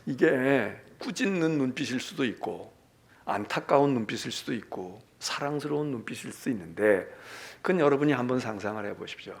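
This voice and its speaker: A middle-aged man delivers a Sunday sermon with a gravelly, fry-tinged voice at an ordinary pitch. He moves from hushed, intimate whispers to forceful, raised appeals. He acts out the quoted lines as he goes. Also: animated, a little fast. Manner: dramatic swings between hushed whispers and raised emphatic calls. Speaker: senior pastor.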